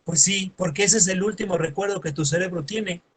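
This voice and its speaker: A man's voice: sits high, brisk, breathy edge. A man teaching a lesson, acting out everyday scenes in quoted voices and adding sarcastic asides. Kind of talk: classroom lecture.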